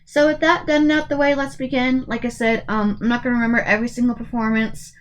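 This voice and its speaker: A woman YouTuber in her twenties, fairly high-pitched, talks fast with a flat delivery while giving casual tier-list commentary. She hesitates, uses plenty of fillers and restarts, and her voice keeps cutting in and out.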